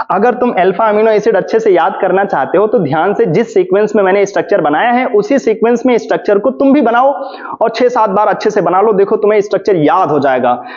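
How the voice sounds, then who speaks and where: A man's voice: sits high, darkish tone. A man teaching chemistry in an exam revision lecture, mixing Hindi and English and explaining step by step while asking and answering his own questions. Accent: Hindi-English mix. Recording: dull lo-fi classroom recording.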